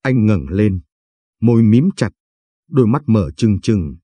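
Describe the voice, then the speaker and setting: Man with a low husky voice reading a story. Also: animated, a little slow, mellow, no room sound. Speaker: narrator.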